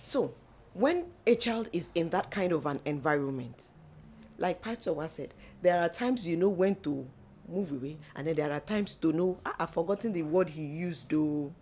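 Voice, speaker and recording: A woman's voice: fairly low pitch, animated, moderate pace, a little mellow, slight background noise. A middle-aged woman, giving earnest faith-based advice in a church talk. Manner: earnest, exhorting, mixes in local slang. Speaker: co-host, church mother.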